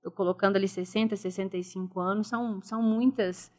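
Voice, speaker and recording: Speaking fast in a steady, medium-pitched, slightly mellow voice, a Brazilian Portuguese-accented woman in middle age appears as a guest on a casual podcast. She's a school director, earnest and reflective, emphasizing respect and dialogue.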